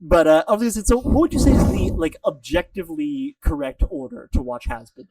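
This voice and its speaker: A man co-hosting a casual fan chat, excitable and gushing, recorded on a distant mic. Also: high-pitched, no room sound. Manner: excitable, gushing, quick talker. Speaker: podcast co-host.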